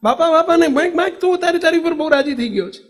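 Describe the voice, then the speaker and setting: A male preacher voicing an elderly revered guru who warmly and repeatedly urges a devotee to ask for a boon. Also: very high voice, lively intonation, quick pace, pitched above the performer's own voice. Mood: coaxing. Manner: warm, coaxing, repeats his offer.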